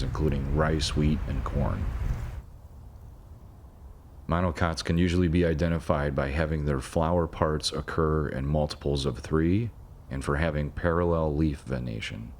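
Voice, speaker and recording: Very deep-voiced man narrating plants. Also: darkish tone, a little hiss or hum. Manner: measured, informative, dry asides about pronunciation. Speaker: nature video narrator. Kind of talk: scripted educational narration.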